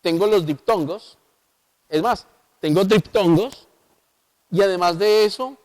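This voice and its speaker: A man's voice: high-pitched, unhurried, a little mellow. A man with a Colombian accent, a pastor explaining the Bible on local television, who often puts rhetorical questions to his listeners. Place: local TV studio.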